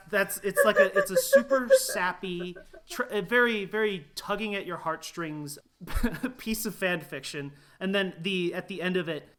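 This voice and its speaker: Excitable man with a bright, tense voice. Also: a little high. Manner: animated, laughs often, many filler words. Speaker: podcast guest, animator. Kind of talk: casual chat.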